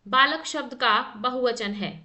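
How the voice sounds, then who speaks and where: A woman's voice: on the high side, a little slow, pushed and bright. A woman teacher running an exam practice lesson, reading out options, asking for answers and correcting herself as she thinks aloud. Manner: quizzing, reads out options then asks for the answer.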